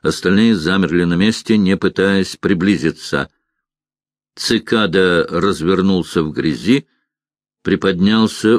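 A man reading an audiobook aloud in a measured, even narration. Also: deep voice, no room sound, studio quality. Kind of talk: scripted narration.

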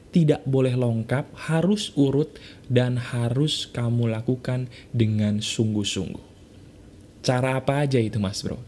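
A man hosting a motivational podcast, speaking straight to the listener, asking for agreement and guiding a slow self-healing exercise. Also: medium pitch, dark tone, a little hiss or hum. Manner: addresses the listener directly, asks for agreement, slows to deliberate coaching.

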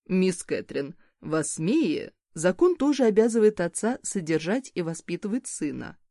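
Woman voicing a quiet embarrassed prefect. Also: lowish voice, big pitch swings, normal speed, no room sound, clean studio sound. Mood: sheepish. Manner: quiet, hesitant. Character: prefect Franck, timid embarrassed official.

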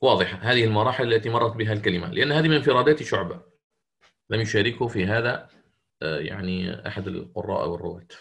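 A man teaching recitation rules in a recorded lesson, explaining step by step with frequent drawn-out filler pauses. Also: lowish voice, gravelly, a bit bright. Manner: demonstrates recitation slowly and melodiously.

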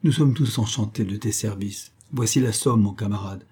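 A man's voice: lowish voice, moderate pace, darkish tone, husky. A man playing a jaunty, chatty Parisian castaway who jokes in colloquial speech, in an audiobook.

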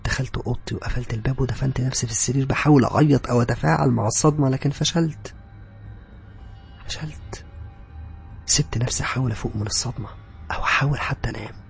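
A man with an Egyptian Arabic accent, dramatically narrating a horror story in a hushed, breathy voice that swells into loud cries. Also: medium pitch, fairly even intonation, very fast, soft background music.

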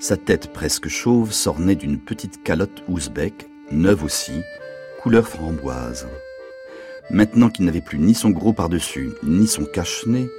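A man narrating a novel extract on radio in a measured, deliberate way. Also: low voice. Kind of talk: literary reading on radio.

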